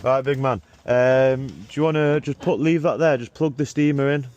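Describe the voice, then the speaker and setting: A man's voice: mid-range voice, fairly even intonation, moderate pace, darkish tone, lo-fi sound. A man chatting casually and using matey slang as he works and instructs a helper. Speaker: car detailer filming and instructing a young helper. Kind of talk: casual chat while working. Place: in and around a vehicle being cleaned. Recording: background noise from vehicle work.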